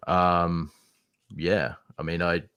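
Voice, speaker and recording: A young man with a fairly low voice argues in an online voice debate. He talks informally, swears freely and comes across as dismissive and exasperated. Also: fairly even intonation, takes it slowly, a bit bright, smooth. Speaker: debate participant. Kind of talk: casual argumentative online debate. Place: online voice call.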